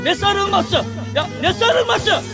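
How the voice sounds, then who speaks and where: High, shouting hot-tempered villager. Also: male voice, lively intonation, takes it slowly, over loud music, exaggerated voice. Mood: furious. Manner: shouting orders, blustering. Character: hot-tempered, foul-mouthed village man. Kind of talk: film comedy acting.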